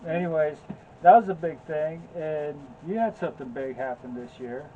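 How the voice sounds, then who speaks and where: A relaxed man with a slightly raised voice jokes and rambles about his year. The sound is thin and phone-like, with a faint hiss behind him. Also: on the high side, moderate pace. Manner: laid-back, joking, rambling. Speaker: co-host. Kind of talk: casual chat.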